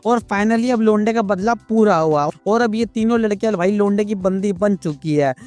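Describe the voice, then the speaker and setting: A man with a high-pitched voice recaps a comic story in loose, crude street slang. He keeps nudging the listener with buddy asides, while faint music plays beneath. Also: normal speed, darkish tone. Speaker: manga recap narrator.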